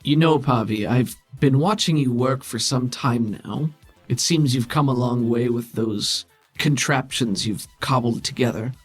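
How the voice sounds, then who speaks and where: A man with a husky, mid-range voice plays a condescending, calculating political schemer in a tabletop game, speaking coolly, formally and with measured authority, as soft music plays in the background.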